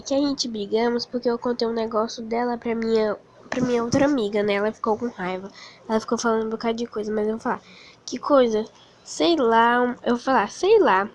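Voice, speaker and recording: A woman hosting a casual vlog, talking nervously and slowly reading out her messages as she types them on a phone. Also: on the high side, a little hiss or hum, low-quality recording. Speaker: channel host. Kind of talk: casual vlog commentary while texting.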